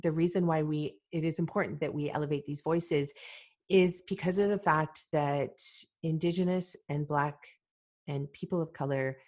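A woman from Malawi hosting a solo podcast, talking in an earnest, deliberate way with fillers and repeated phrases. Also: sits low, fairly even intonation, a little mellow. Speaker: podcast host.

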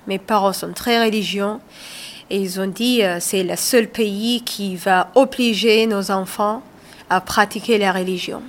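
Woman guest, 30s, from Somalia, non-native French, slow halting delivery. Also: medium pitch, fairly even intonation. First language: not French. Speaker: guest, author. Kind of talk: radio interview.

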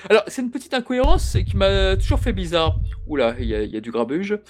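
A man hosting a casual chat, talking with animated enthusiasm. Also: high voice, fast talker.

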